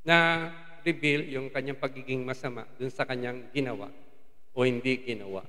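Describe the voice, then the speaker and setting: A man's voice: mid-range voice, fairly even intonation, moderate pace, sharp tone. A man with a Filipino accent preaching a sermon as a lay preacher, slipping English phrases into his Tagalog. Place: church hall. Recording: long hall reverb.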